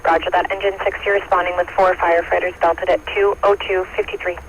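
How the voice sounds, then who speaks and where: A man working as a fire dispatcher, heard over a two-way radio, giving steady procedural readbacks of units and times. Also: sits high, quick pace. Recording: muffled radio channel with static hiss.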